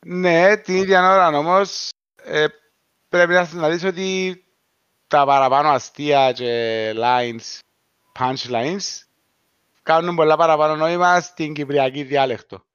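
Male, Cypriot Greek accent, smooth clear voice, casual discussion, dry and slightly dull recording. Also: on the high side, steady tone, a bit bright, no echo.

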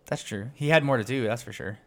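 A man's voice: mid-range voice, fast talker, a bit bright. A man co-hosting a casual sports podcast, easygoing and conversational, often correcting small details. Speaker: podcast co-host.

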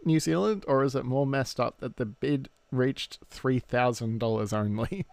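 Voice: mid-range voice, moderate pace, gravelly, darkish tone, no echo. Laid-back quiz co-host. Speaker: podcast co-host running a quiz. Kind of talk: casual chat.

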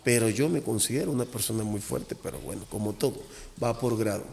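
A man, a voodoo priest, talking as a podcast guest, animated, acting out little dialogues and repeating phrases. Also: on the low side, a little fast, creaky. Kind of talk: casual podcast talk. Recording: long echoey reverb.

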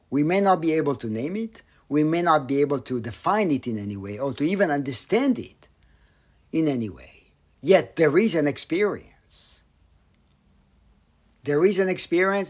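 A man giving a Buddhist dharma talk, slow and reflective, with pauses and some phrases dropped almost to a whisper. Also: fairly high pitch. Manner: slow, pausing, with soft near-whispered phrases. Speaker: meditation teacher.

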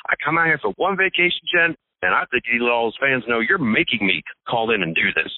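A man's voice: a little high, no room sound. A man calling in to a casual podcast chat as a regular co-host, talking in a rambling, joking way and stammering now and then. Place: Las Vegas hotel. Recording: tinny phone line, dry.

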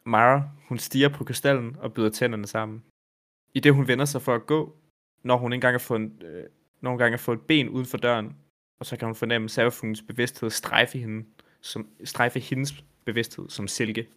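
A man co-hosting a gaming podcast, reading story passages aloud and chatting casually, with fillers and the odd swear word. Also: mid-range voice. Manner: reads quotes flatly, chats with fillers and swearing. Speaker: podcast co-host reading game lore aloud. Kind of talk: casual chat and lore reading.

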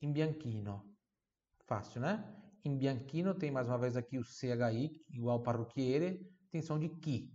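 A man teaching a language online, repeating words slowly and clearly, then explaining them and asking viewers to repeat. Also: medium pitch, lively intonation, mellow. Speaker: Italian teacher. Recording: slightly dull lo-fi sound.

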